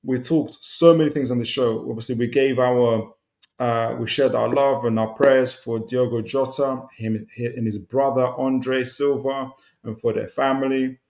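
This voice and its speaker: Gravelly upbeat male football show host. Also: medium pitch, steady tone, normal speed, darkish tone. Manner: upbeat, sums up the show, laughs along. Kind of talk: podcast hosting and football chat.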